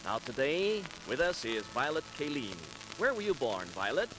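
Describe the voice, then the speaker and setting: A man's voice: mid-range voice, very animated, moderate pace, over music, poor audio. A man hosting a radio program, asking a guest questions in a friendly, conversational way. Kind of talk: radio interview.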